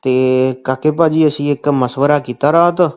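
On a comic phone call, a Punjabi-accented man with a fairly high voice insists on his point and keeps returning to stock phrases. His tone is steady, darkish and clean, at a moderate pace, though the recording is dull and lo-fi.

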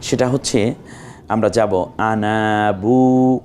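A man teaching Quran recitation step by step, patiently repeating words and breaking into drawn-out melodic chanting of the verses. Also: mid-range voice, big pitch swings, warm tone, slight background noise. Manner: drawn-out melodic chanting of Arabic verses between plain explanations. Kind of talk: slow step-by-step recitation lesson.

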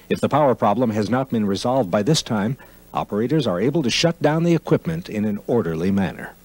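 A man reading scripted documentary narration for a 1992 computer facility tour video, in an even, informative delivery. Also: medium pitch, breathy edge. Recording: 1992 archival video voice-over.

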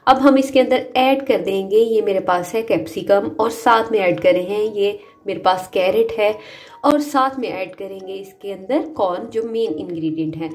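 A woman's voice: medium pitch, normal speed. A woman hosting a cooking channel, narrating a recipe step by step. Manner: steady instructional narration. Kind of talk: recipe voice-over.

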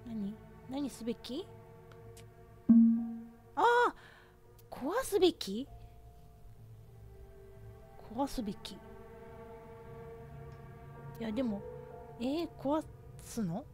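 A woman's voice: a little high, animated, slow pace, pauses often, music in the background. A woman from Japan streaming a horror game, thinking aloud to herself, nervous and easily startled. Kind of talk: casual horror game let's play commentary.

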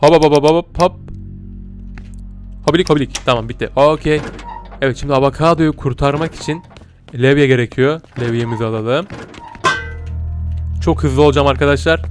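A man giving casual gameplay commentary and talking straight to his viewers, swinging between muttering and yelling. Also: fairly high pitch, a little fast, pauses often, music in the background. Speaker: gaming video host.

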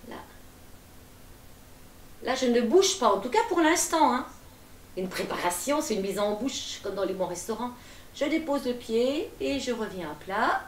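A middle-aged woman leading a gentle seated exercise class from her attic room at home, with calm, encouraging and folksy cues. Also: on the high side, a little slow, long pauses, slight background noise. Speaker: gentle gym instructor. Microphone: far camera. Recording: echoey room from far off.

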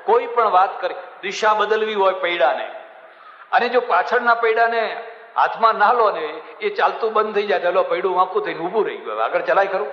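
A man giving a sermon who tells his stories lively and acts out the people in them, with chuckling asides. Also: high-pitched, brisk. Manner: storytelling, acts out characters in the story, chuckling asides. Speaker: swami giving a religious discourse. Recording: echoey hall, muffled sound.

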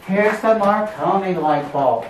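A woman's voice: mid-range voice, expressive, unhurried. A woman working as a cave tour guide, talking informally and jokingly to a group, picked up on a visitor's camera inside a cave. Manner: folksy, joking. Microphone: visitor's camera at some distance. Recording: noisy on-location camera audio.

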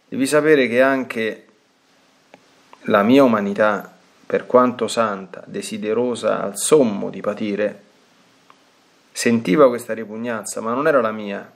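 A man reading aloud the words of Jesus, gentle and consoling, with calm pauses. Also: fairly low pitch, creaky. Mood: tender. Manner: calm, tender reassurance, read with pauses.

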